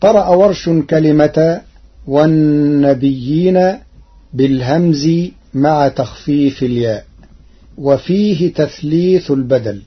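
A man with a slightly high, husky voice teaches Quranic recitation rules at an unhurried pace. He explains each point methodically and draws out the quoted verses. The recording sounds dull and lo-fi.

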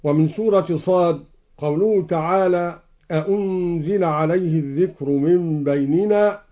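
Male recitation teacher, formal and unhurried, alternating explanation with chant; dull lo-fi sound. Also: on the high side. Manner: measured, formal classical delivery. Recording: dull lo-fi broadcast recording.

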